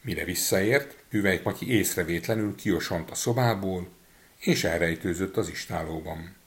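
Low-voiced man reading a fairy tale. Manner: expressive, changing voices for figures. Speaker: storyteller. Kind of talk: storybook reading.

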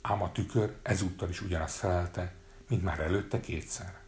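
A man narrating a fairy tale in a measured storytelling manner. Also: sits low, steady tone, a little mellow, slight background noise.

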